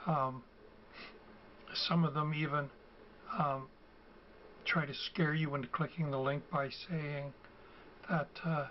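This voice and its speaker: An older video host, hoarse from a cold and losing his voice, gives a casual explanation slowly and haltingly in a slightly high voice, his intonation fairly even and his pauses filled with ums and uhs. The lo-fi recording sounds dull, with a faint ambient hum.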